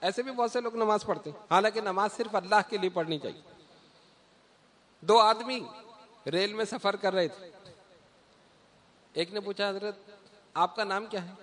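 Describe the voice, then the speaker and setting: A male preacher tells moral stories in a sermon and acts out each character as he goes. His voice sits high and sounds bright and forceful. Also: normal speed, long pauses. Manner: animated storytelling, acts out the dialogue. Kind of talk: storytelling sermon.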